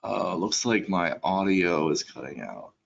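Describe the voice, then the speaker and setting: A low-voiced man talks haltingly, full of ums and restarts, as a forecaster on a web briefing. His muffled, lo-fi sound keeps glitching, fading and cutting out. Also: very animated, vocal fry, a little hiss or hum. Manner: hesitant, many ums and restarts. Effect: audio cutting out, glitchy dropouts. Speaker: weather forecaster. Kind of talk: online weather briefing.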